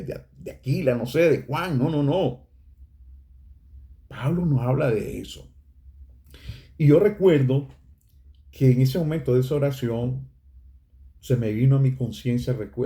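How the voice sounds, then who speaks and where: A man's voice: mid-range voice, mellow. A middle-aged man with a Nicaraguan accent giving an earnest, emotional personal faith testimony, addressing listeners as brothers. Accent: Nicaraguan Spanish.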